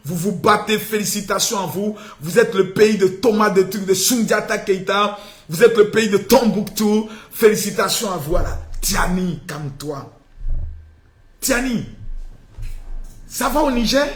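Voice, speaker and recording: A man hosting a live stream, taunting and shouting in a theatrical, sing-song rant. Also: high-pitched, a little slow. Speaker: political live-stream host. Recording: echoey room with faint noise.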